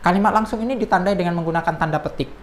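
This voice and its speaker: Low-voiced woman teaching a lesson. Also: rapid-fire, slight background noise. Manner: explanatory, reads example quotes in a raised voice. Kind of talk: classroom lesson.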